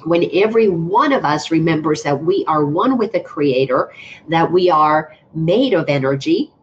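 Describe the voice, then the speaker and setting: An earnest woman speaks in long, flowing runs, leaning into each point as a guest teacher in a relaxed conversation. Her voice sits a little low for a woman. The audio comes through a video call and sounds muffled and lo-fi, with a faint hiss behind it. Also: normal speed. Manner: earnest, flowing, emphatic about spiritual ideas. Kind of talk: casual spiritual conversation.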